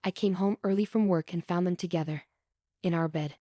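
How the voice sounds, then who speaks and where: A woman's voice: lowish voice, fairly even intonation, a little fast, warm tone, dry recording, studio quality, lightly acted. A woman voicing an angry ex-wife who speaks coldly and with sarcasm. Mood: scornful. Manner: cold, sarcastic.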